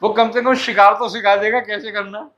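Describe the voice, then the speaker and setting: A man's voice: high voice, little pitch movement, a bit bright. A man, a Sufi teacher, telling a religious story in a casual way and acting out the dialogue of its figures. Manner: casual, acts out dialogue with quick voice shifts. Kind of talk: storytelling talk to disciples. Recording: dull lo-fi recording.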